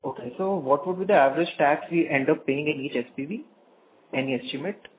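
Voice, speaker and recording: A man speaks over the phone, calling in as an investor. He asks careful, probing questions in a slightly raised voice. The thin, narrow line carries a faint hiss behind him. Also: a little high. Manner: inquisitive, deliberate questioning. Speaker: caller, individual investor. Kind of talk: earnings call question.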